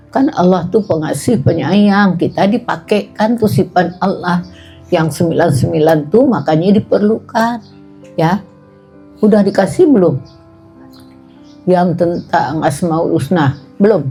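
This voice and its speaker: A woman's voice: on the low side, warm tone, breathy edge. A woman giving a casual religious talk in a homely way, driving points home with repeated little fillers. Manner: homely, colloquial, repeating points with "nah" and "tuh". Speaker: religious study speaker.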